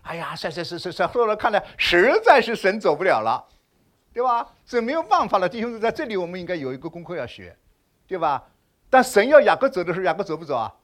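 A man preaching a sermon, asking the congregation questions, swinging between loud exclamations and hushed asides. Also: high-pitched, fast talker. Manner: animated, rhetorical questions to the congregation.

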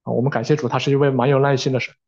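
A man interpreting a sermon live, with fillers and quick self-corrections. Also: medium pitch, flat delivery, a little mellow, lo-fi sound.

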